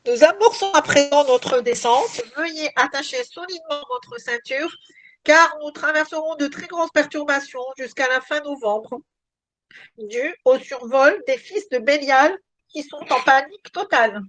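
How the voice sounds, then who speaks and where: A woman's voice: high-pitched, measured pace, fairly bright tone, a little hiss or hum, low-quality recording. A woman playing an airline captain, giving a formal cabin announcement as if over the intercom. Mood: mock-solemn.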